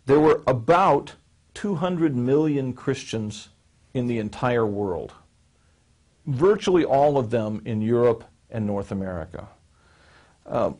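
A man in his forties explains history in a measured, lecture-like interview answer, with frequent fillers and restarts, seated in a small studio with a close mic. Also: medium pitch, darkish tone, slightly rough. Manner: gestures with his hands while speaking. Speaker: seminary professor answering questions. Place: small studio set with a wood-panel backdrop, seated.

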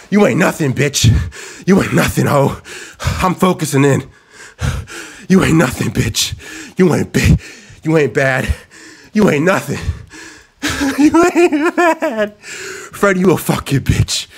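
A young gaming YouTuber does let's play commentary in a slightly high, creaky, husky voice at normal speed. He's hyped and profane, trash-talking the game's villain and repeating his taunts again and again.

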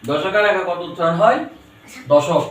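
A man's voice: on the high side, normal speed, heavy reverb, distant mic, a little hiss or hum, rough recording. A man teaching a children's math lesson, coaxing and repeating his questions to a young pupil.

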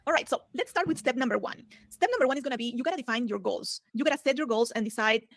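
A woman's voice: on the high side, animated, fast talker, no room sound. A woman from Peru giving a webinar presentation on real estate, talking eagerly with many fillers over a computer mic, in a recording that is played sped up.

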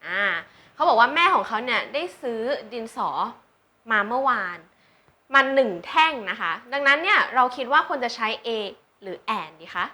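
Woman tutor, high bright voice, slow and patient, drills example words. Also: animated. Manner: patient, checks understanding with questions; drawn-out English words for learners to repeat. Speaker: English tutor. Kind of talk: slow teaching with example sentences.

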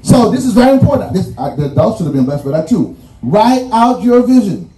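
A man's voice: high voice, very animated, a little fast. A man with a Bahamian accent giving a commencement address in a preaching cadence, stressing his points and repeating key phrases. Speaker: commencement speaker. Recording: roomy echo, distant mic, faint music.

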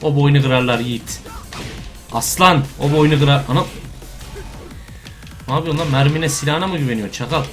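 A young man doing casual let's-play commentary, excitable and trash-talking, often breaking into shouts. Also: on the high side, normal speed, pauses often, soft background music. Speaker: gameplay commentator.

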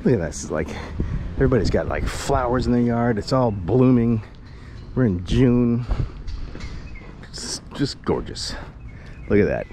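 A warm, medium-pitched male voice, very animated but a little slow, with frequent pauses. He's a vlogger in his forties rambling, joking and chatting to himself on a casual walking tour, filming with an action camera at arm's length on a sunny residential street. Outdoor street noise carries through, with street ambience and passing cars behind him.

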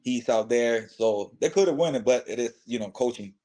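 A man co-hosting a casual sports podcast, offering opinions in a halting way with many pauses. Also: medium pitch, mellow. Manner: halting, with many fillers and restarts. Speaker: co-host.

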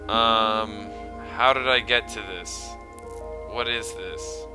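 Casting: male horror game streamer, scared and uneasy, unhurried casual commentary over loud-ish game music. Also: fairly low pitch. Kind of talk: casual let's play commentary. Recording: music behind the voice.

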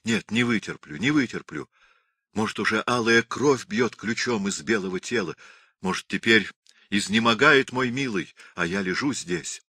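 A man's voice: on the low side, animated, moderate pace, pushed and bright, breathy edge, no room sound, studio quality, heavily acted. A man voicing a young Cossack wife, desperate and pleading, in an impassioned storybook reading. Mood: anguished.

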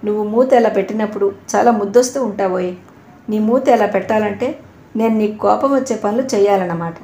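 A woman's voice: medium pitch, brisk, mellow, roomy sound, natural voice. Woman reading as a teasing young man. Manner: teasing, cheeky.

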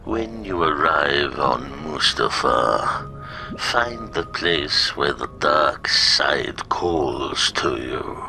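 Gravelly, very deep old dark lord. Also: male voice, heavily acted, low-quality recording. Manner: slow, ominous dark lord delivery, commanding and theatrical. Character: menacing old dark lord, sinister sorcerer master to apprentice. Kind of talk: comic dub voice acting. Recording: music under the voice.

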